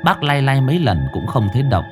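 A man narrating a ghost story in a dramatic, expressive reading. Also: mid-range voice, brisk, over music. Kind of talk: scripted horror narration.

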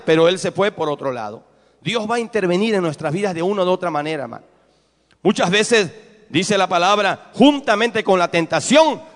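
In a church, a pastor with a Mexican Spanish accent preaches a sermon, putting rhetorical questions to his congregation. His voice is high, and a long reverb tail trails behind it.

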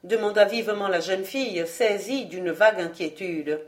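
A woman's voice: mid-range voice, normal speed. Woman reading a classic novel aloud. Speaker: audiobook reader. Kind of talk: storybook narration.

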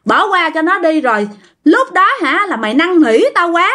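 A woman's voice: fairly high pitch, expressive, moderate pace, a bit bright. A woman voicing the spirit of a dead young man who speaks through a living relative and scolds harshly. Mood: angry scolding.

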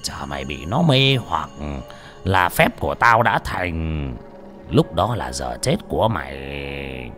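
A man voicing an evil old male shaman who talks in a slow, hoarse, taunting way. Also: a bass voice, very animated, a bit bright, soft background music, pitched below the performer's own voice, heavily acted. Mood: menacing. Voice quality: hoarse, raspy.

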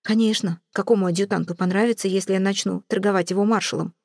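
A cool, reserved young nobleman in uniform, read by a woman in an audiobook. He speaks in short, measured, cold sentences at a middling pitch, and the recording is dry and close. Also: steady tone, no room sound, lightly acted. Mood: confiding. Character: cool, reserved young male aristocrat officer. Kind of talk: audiobook character reading.

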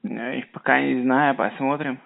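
A man's voice: mid-range voice, little pitch movement, moderate pace, vocal fry. A man talking casually on a phone call in a blunt, coarse, slangy way. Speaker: call recipient.

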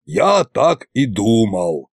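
A man voicing a stern old male tsar who barks curt orders slowly and deliberately. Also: medium pitch, big pitch swings, gravelly, a little mellow, breathy edge, dry recording, studio quality, full character voice. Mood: good-natured.

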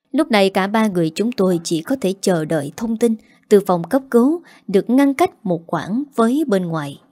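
A woman narrating a first-person story with a steady, even reading. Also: medium pitch, no room sound, studio quality.

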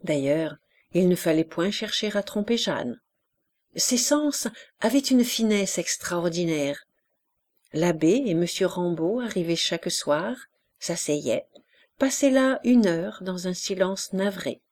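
Woman reading an audiobook novel, slow and measured, expressive. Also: on the low side. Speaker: audiobook reader. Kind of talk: scripted literary narration.

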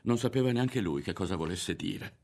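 A man reading a novel aloud as an audiobook, in a measured, dramatic way. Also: lowish voice, animated, a little mellow. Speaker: audiobook reader. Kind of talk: scripted narration of a novel.

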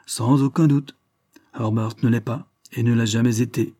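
A man's voice: medium pitch, steady tone, moderate pace, dark tone, no echo, clean studio sound, natural voice. A man doing a mocking, secretive old lord. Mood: wry.

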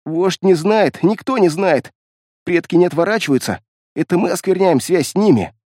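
Casting: crazed beast-man prisoner, voiced by a man, high frantic pleading, wild swings, dry studio read. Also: lively intonation, normal speed, a little mellow, no echo. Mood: babbling. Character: terrified, crazed male beast-man captive.

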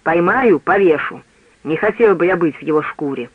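A man's voice: high-pitched, animated, moderate pace, slightly rough, dry recording. A man voicing a furious, bullying military prosecutor who bellows threats in an audiobook. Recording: tinny phone-like dry sound.

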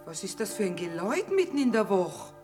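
A woman's voice: medium pitch, big pitch swings, fairly quick, dark tone, faint music behind, lightly acted. An actress as Mother Courage, hard-bitten wartime trader. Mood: excited. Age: middle-aged. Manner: blunt, earthy, colloquial. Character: hard-bitten, shrewd, sharp-tongued mother trading in wartime. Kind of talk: German stage-style radio drama acting.

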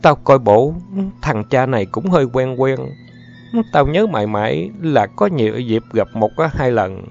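A man's voice: medium pitch, lively intonation, vocal fry, darkish tone, pitched above the performer's own voice. A man voicing a brash, streetwise older girl in a storybook reading, firing off coarse questions. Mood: blunt. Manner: coarse, rapid-fire questions. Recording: dull lo-fi with faint music.

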